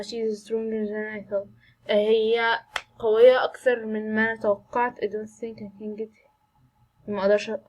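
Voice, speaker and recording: Jumpy Egyptian woman, husky voice. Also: fairly high pitch, rough recording. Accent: Egyptian Arabic. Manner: jumpy, chatty, reacts aloud to scares; mixes in English words. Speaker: gaming channel host. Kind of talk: horror game commentary.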